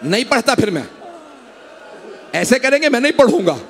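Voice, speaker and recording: A man's voice: extremely high pitch, sing-song, normal speed. A man reciting a Muharram majlis, impassioned and pleading with the gathering. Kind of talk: emotional Muharram majlis sermon. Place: imambargah gathering.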